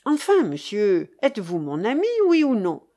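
A fierce, gruff man of the old aristocracy barks his demands in short, curt bursts, as a woman reads him in a storybook. The voice swings up and down with lively pitch. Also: moderate pace. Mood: gruff insistent. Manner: curt, commanding.

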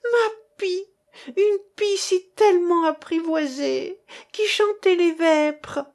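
A woman's voice: very high-pitched, slow pace, darkish tone, voice pushed up, exaggerated voice. A woman reader voicing a small, wiry priest's cook who howls in piercing cries. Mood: frantic wailing.

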